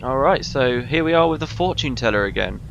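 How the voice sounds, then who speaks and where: A man's voice: medium pitch, expressive, brisk, gravelly, fairly bright tone, highs cut off, a little hiss or hum. A man giving casual, informal commentary as he plays a video game, sometimes hesitant. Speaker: video game let's player.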